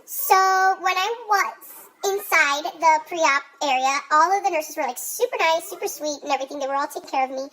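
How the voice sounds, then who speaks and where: A woman's voice: extremely high pitch, brisk, sharp tone, rough recording. A young woman with a congested, blocked-nose sound, telling a story casually in exasperated, sweary, emphatic slang.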